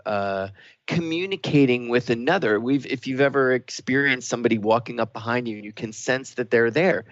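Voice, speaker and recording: A radio co-host speaks earnestly in a medium-pitched voice, explaining things and reflecting during a talk-show discussion. The audio is dull and dry, with no echo.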